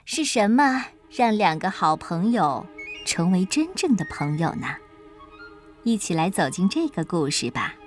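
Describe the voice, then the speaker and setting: Lively woman introducing a storybook. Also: on the low side, measured pace, faint music behind.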